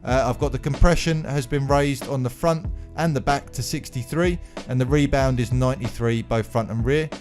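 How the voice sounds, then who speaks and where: A man's voice: medium pitch, a little mellow. A man hosting a gaming tutorial voice-over in a casual way, his speech slightly numb-mouthed as if after dental anaesthetic. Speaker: video game channel host. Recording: music playing behind the voice. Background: music.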